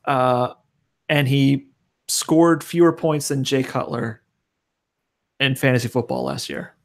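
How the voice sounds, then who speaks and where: A man's voice: mid-range voice, fairly even intonation, takes it slowly, creaky. A man co-hosting a casual sports podcast, laid-back and swearing freely. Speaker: podcast co-host.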